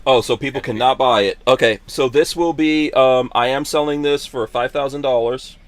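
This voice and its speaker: A man's voice: mid-range voice, fairly even intonation, normal speed, dry recording. Joking middle-aged man hosting a podcast. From Guyana. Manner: joking, laughs often. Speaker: podcast host. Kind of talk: casual chat.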